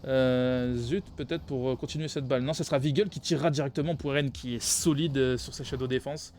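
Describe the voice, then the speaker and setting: A man's voice: medium pitch, steady tone, fairly quick, darkish tone, slight background noise. A man casting a video game match live for a stream, tired, rambling and correcting himself as he goes. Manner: rambling, self-correcting, laughs at own slips. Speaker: esports caster.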